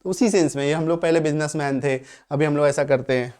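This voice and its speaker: High-voiced Indian man teaching grammar. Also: darkish tone. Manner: explains step by step, often checks with 'okay, clear?'; slows right down when reading out English examples. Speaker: English teacher. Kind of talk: grammar lesson.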